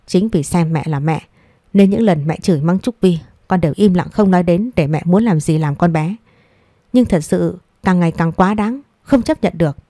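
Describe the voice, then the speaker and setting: A woman's voice: lowish voice, normal speed, warm tone, no echo, clean studio sound, natural voice. A woman reading as a firm, weary grown son. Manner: firm, tired. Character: adult man, weary son defending the girl.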